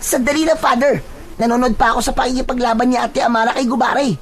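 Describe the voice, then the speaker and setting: A narrator voicing a curious, stubborn boy who pleads politely and excitedly. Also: fairly high pitch, quick pace, breathy edge, voice pushed up. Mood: eager.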